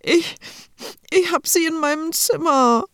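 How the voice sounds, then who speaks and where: A woman voicing a crying, helpless little boy in a storybook reading, speaking in a halting, sobbing voice. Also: very high-pitched, fairly bright tone, no room sound, clean studio sound, pitched above the performer's own voice, full character voice. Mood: tearful.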